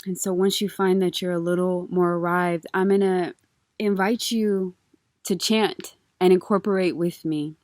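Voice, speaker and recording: A woman facilitating a calm guided grounding exercise in a gentle, unhurried, reverent manner, leaving soft pauses. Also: lowish voice, no room sound, studio quality. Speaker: meditation facilitator.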